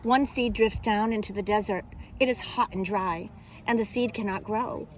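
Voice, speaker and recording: A woman reading a picture book aloud to young children as a kindergarten teacher, in an expressive, teacherly way. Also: mid-range voice, normal speed, slight background noise, rough recording. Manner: expressive, simple teacherly delivery with questions to young listeners.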